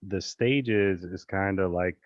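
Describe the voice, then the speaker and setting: Relaxed man coaching over a video call. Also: low-pitched, slow, no room sound, highs cut off. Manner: relaxed and chatty, many fillers and restarts. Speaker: real estate investing coach. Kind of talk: casual screen-share coaching call.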